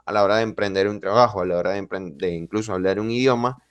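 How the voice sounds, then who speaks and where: A Venezuelan man with a fairly low voice hosts a casual podcast conversation. He muses aloud, reflective and chatty, with touches of self-deprecating humor. The sound is close and dry, with no room around it. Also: quick pace, no room sound. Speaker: podcast host. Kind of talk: casual interview chat.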